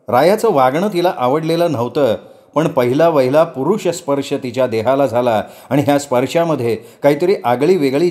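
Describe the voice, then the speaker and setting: A man narrating a novel chapter as a storyteller, in a measured storytelling delivery. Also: mid-range voice, a little mellow.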